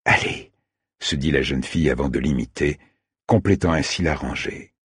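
A man narrating an audiobook chapter in a measured, storytelling manner. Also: extremely low pitch, husky, no echo, clean studio sound. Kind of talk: scripted narration.

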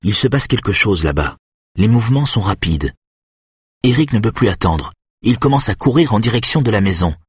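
Breathy, low-voiced male narrator. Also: lively intonation, moderate pace, dry recording, clean studio sound. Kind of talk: scripted audiobook narration.

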